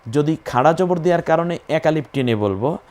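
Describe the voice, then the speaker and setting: A man's voice: fairly high pitch, expressive, brisk, a little mellow. A man teaching Quran recitation, patiently spelling out and repeating each letter and sound in a methodical lesson.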